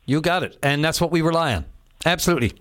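A man hosts a call-in show in a smooth, unhurried radio manner. He keeps things easygoing and loose, with plenty of "uh" and "you know" as he talks with callers from the studio. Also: a little high, lively intonation, fairly bright tone. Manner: easygoing, with frequent fillers. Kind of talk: smooth radio talk host.

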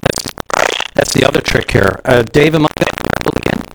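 A man's voice: mid-range voice, expressive, a little fast, gravelly, very noisy. A male radio host talking while his connection breaks up and drops out, checking whether he can still be heard. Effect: audio breaking up, connection cutting out. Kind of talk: casual on-air chat. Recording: broken-up, dropping-out line.

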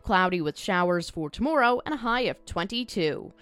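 A woman's voice: mid-range voice, animated, normal speed, a bit bright, clean tone, no echo. A woman presenting a scripted radio weather bulletin in clipped, formal phrases.

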